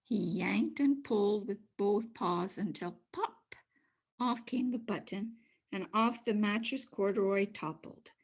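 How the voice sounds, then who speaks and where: An older woman narrating a children's storybook aloud in an expressive, measured way. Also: mid-range voice, husky, highs cut off. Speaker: storybook reader.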